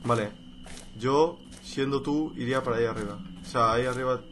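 A man chatting while gaming, hushed and wary. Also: mid-range voice, brisk, a little hiss or hum. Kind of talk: casual gaming chat.

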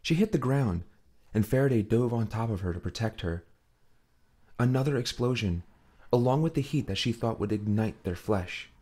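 Casting: male audiobook narrator, mellow and lively in pitch, steady and dramatic. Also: normal speed. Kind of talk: scripted narration.

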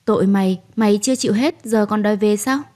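A woman's voice: medium pitch, quick pace, warm tone, natural voice. A woman voicing a stern elderly grandmother who harshly scolds a servant, in a read-aloud story. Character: stern old grandmother, head of the household.

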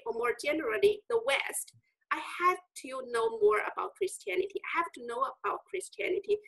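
A woman's voice: creaky, poor audio. A woman in her forties from China with a Chinese accent, a scholar answering interview questions earnestly over a video call. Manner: earnest and reflective, lively pitch swings. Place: indoor room with bookshelves.

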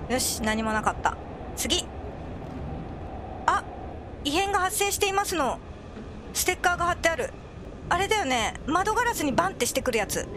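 A woman commentating on a horror game as she plays, excitable and prone to crying out when scared. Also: very high voice, normal speed, long pauses, noisy background. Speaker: video game player.

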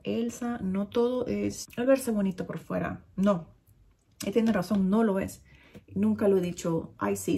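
Here the same kind of vlogger, a woman in her thirties from Nicaragua, talks casually to a desk-distance camera in her bedroom, full of fillers and restarts and gesturing often. She has a mild, fairly neutral Nicaraguan Spanish accent. Her voice sits lowish, warm and slightly rough.

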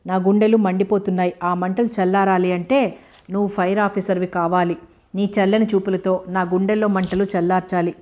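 A dramatic, lovesick young husband from a storybook, sulking and making playful threats, as a woman narrator reads him. The delivery stays even and level, without much pitch movement. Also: fairly quick, lightly acted. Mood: sulky.

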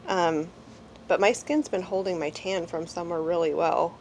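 A beauty vlogger in her forties, congested and slightly nasal from a cold, rambles through a product review in a small room at home, full of fillers. Her voice is fairly low, steady, a little mellow, at normal speed. The recording is rough with slight background noise.

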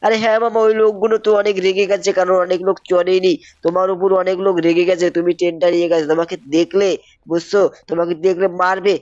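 A man's voice: little pitch movement, quick pace, a little mellow, dry recording, lo-fi sound, natural voice. A man voicing a whiny young boy nephew in a cartoon style during gameplay commentary. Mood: pleading. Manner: high squeaky urgent pleading. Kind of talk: gameplay commentary role-play.

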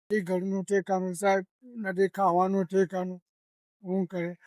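An older man speaks in a high, tearful voice. He pleads and weeps through the interview, and the sound is dry and close. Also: little pitch movement, moderate pace, dry recording. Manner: tearful, pleading, breaks into comic newspaper patter. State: crying. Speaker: former comedian and magician, now homeless. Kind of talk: emotional interview. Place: outdoors.

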